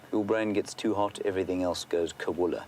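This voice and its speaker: A man working as a safari guide, giving unscripted live wildlife commentary and answering viewer questions, sometimes hushed toward a near-whisper. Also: deep voice, fairly even intonation, fast. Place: outdoors in an open safari vehicle. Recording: outdoor vehicle and bush ambience noise.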